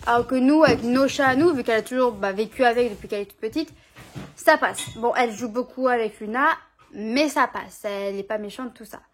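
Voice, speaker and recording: A woman's voice: on the high side, brisk. A young woman vlogging at home, chatting casually in an informal, slangy way with lots of fillers. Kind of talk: casual chat. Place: at home with her dog.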